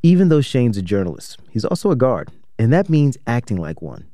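A man's voice: mid-range voice, sing-song, brisk, dark tone, no echo, studio quality. A man hosting an investigative radio program, reading scripted documentary narration.

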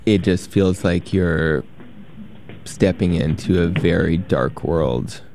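A man telling a first-person documentary story as a journalist, measured and plain-spoken, with deliberate pauses. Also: low-pitched, darkish tone, a little hiss or hum. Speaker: journalist who worked as a prison guard.

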